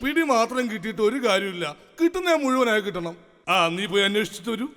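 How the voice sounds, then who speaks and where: A man playing a vain, bumbling king in a live stage comedy skit, talking in a loud, exasperated, theatrical way. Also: high-pitched, very animated, fast, long reverb tail, a little hiss or hum. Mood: blustering.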